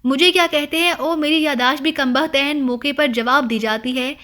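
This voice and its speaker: A woman doing a joking young man in an audiobook drama, teasing with a straight, mock-serious delivery. The voice stays high and bright.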